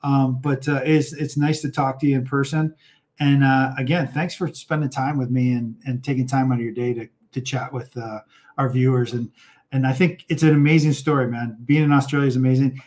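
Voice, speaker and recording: A man's voice: medium pitch, fairly even intonation, a little fast, darkish tone. A man hosting an interview show, chatting enthusiastically and casually, with lots of fillers and restarts. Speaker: podcast host.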